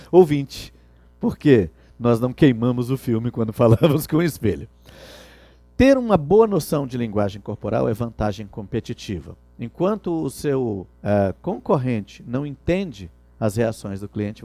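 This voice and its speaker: Brief: middle-aged instructor, warm mellow tone, dry close sound, animated questions to the class. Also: male voice, medium pitch, no room sound. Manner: didactic, asks rhetorical questions. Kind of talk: lecture on customer service.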